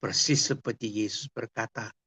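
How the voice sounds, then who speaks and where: A man, a priest, telling a saint's story in a slow, storytelling homily. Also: on the low side, pushed and bright, breathy edge, dry recording. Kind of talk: sermon.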